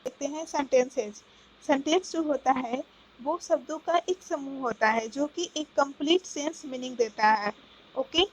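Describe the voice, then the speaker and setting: A woman's voice: high-pitched, poor audio. A woman teaching a grammar lesson, explaining step by step and often checking with "okay, got it?". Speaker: English teacher.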